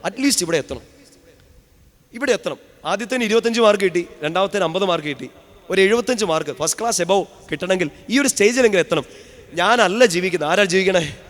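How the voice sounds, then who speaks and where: A man from Kerala preaching a sermon as a retreat priest, swinging from hushed words to loud calls for responses. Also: high voice. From Kerala, India. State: sore throat. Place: large retreat hall. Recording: long hall reverb.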